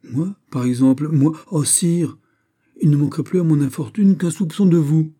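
Rich: A wounded, proud young royal lady, put on by a man in an audiobook, her voice lifted high and strained. She protests plaintively and reproachfully, with a husky edge in her tone. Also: normal speed, dark tone, close to an everyday voice. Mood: pleading. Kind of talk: audiobook character reading.

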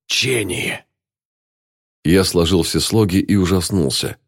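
A man narrating a story in an audiobook in a measured storytelling manner. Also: low-pitched, a little mellow, no echo, clean studio sound.

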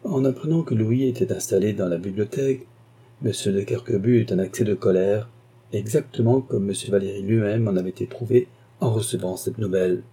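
A man reading a classic novel aloud as narrator, with measured, even delivery. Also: lowish voice, slightly rough. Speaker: audiobook narrator. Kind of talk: scripted narration.

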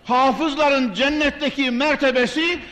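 A man's voice: very high-pitched, fairly even intonation, a little slow, a bit bright. An older man preaching a mosque sermon at a pulpit microphone, with impassioned oratory and chanted scripture verses. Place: large mosque hall. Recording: long echoing mosque reverb.

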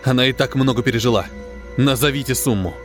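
A man reading an audiobook, voicing a grim male starship captain who speaks curtly and gruffly, holding back anger. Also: mid-range voice, fast talker, soft background music, close to an everyday voice. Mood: curt, angry. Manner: curt, gruff, barely restrained anger.

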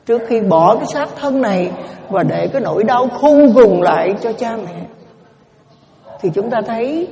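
A woman's voice: a little high, dark tone, long reverb tail. A woman, a Buddhist nun, giving a dharma talk as a sermon, with an earnest, repetitive teaching cadence.

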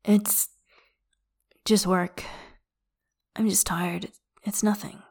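A woman voicing a tired, upset young man who speaks softly in a muted, shaky voice, in an audiobook reading. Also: medium pitch, flat delivery, drawn-out words, husky, full character voice. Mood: quiet, strained.

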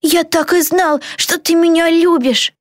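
A woman's voice: very high-pitched, steady tone, unhurried, no room sound, clean studio sound, pitched above the performer's own voice. A woman voicing a vain, cocky little male seahorse with a boastful manner.

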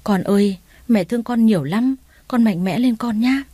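A woman's voice: on the high side, normal speed, mellow, husky, no room sound. A woman voicing a tearful, loving mother who speaks with pleading tenderness.

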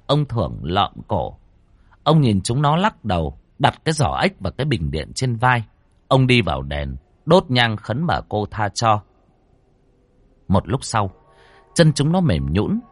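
A man's voice: fairly low pitch, sing-song, measured pace, no room sound. A man narrating a ghost story dramatically, voicing each character himself. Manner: dramatic, acting out every character.

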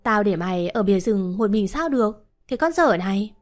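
A woman's voice: mid-range voice, lively intonation, fairly quick, lightly acted. A woman voicing a blunt, scolding but caring old village woman, over faint music. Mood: worried.

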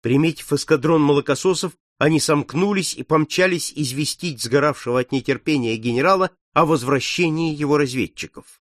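A man reading an adventure novel aloud with steady, measured narration. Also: a little high, dry recording, studio quality. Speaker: audiobook narrator. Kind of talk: scripted narration.

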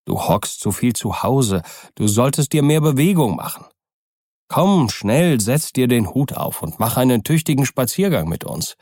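A man voicing a good-natured lawyer in an audiobook, speaking up in a brisk, urging, hearty manner. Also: medium pitch, very animated, a little mellow, no echo, clean studio sound, voice pushed up. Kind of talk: audiobook character reading.

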